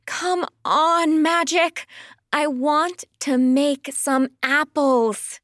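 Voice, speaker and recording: A woman's voice: high voice, steady tone, extremely slow, dry recording, clean studio sound, voice pushed up, exaggerated voice. A woman voicing an eager, clumsy young magical creature with hooves who cries out in sudden exclamations. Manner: bright, exclamatory, easily startled.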